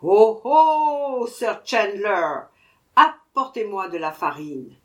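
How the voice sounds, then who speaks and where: A woman voicing an irascible tiny bearded male dwarf who shouts his demands in a storybook reading. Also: high-pitched, expressive, unhurried, voice pushed up. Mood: bossy.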